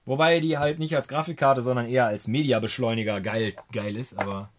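A man's voice: medium pitch, steady tone, a little fast, a little hiss or hum. A man chatting casually on a livestream while tinkering with PC hardware, joking around, reading out and thanking viewers' chat messages, and mixing in English phrases.

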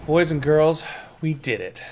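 A young man hosting a gaming channel, commentating his play with loud, profane, raging outbursts. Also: a little high, lively intonation, a little slow. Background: game music.

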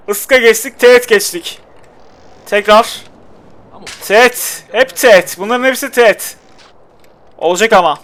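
A man's voice: sits high, fairly bright tone. A young man giving casual, exasperated commentary while playing a video game and talking to his character. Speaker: gameplay commentator.

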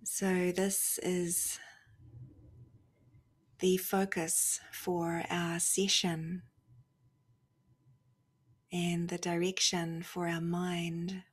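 In a lowish, husky voice, a woman leads a guided spiritual meditation with a completely flat delivery. She speaks softly and reflectively in brief phrases, leaving long pauses and frequently trailing off almost to a whisper.

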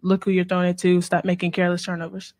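A woman's voice: fairly low pitch, monotone, fast talker, darkish tone, no echo. A young woman college basketball player answering questions at a postgame press conference, blunt and matter-of-fact, into a table microphone. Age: young adult.

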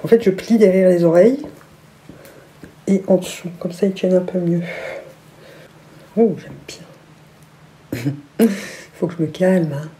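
A woman talks casually through a haul on camera and gushes over everything she shows. Her voice sits low for a woman and has a very dark, mellow tone. She now and then drops into a soft whisper. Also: brisk, a little hiss or hum. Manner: gushing, enthusiastic, exclamatory. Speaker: vlogger.

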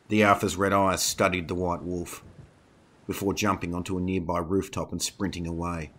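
In this scripted narration of a horror story, the male reader has a low, deep pitch but a crisp, bright tone. His pacing stays measured and even.

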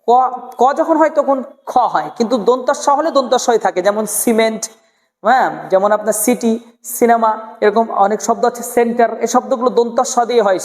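A man giving a spoken English pronunciation lesson, drilling sounds in slow, careful repetition. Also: high voice, darkish tone. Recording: long room reverb.

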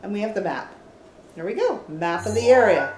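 A woman's voice: medium pitch, animated, moderate pace, darkish tone. An older woman hosting a gaming channel, giving chatty step-by-step commentary as she plays. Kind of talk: gameplay commentary. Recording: roomy echo.

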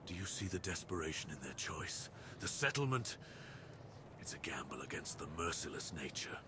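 In an ASMR roleplay, a man voices a proud, menacing dire wolf beast with a brooding mood. His low voice swings widely in pitch at a moderate pace, grave, commanding and theatrically deliberate, with background noise present.

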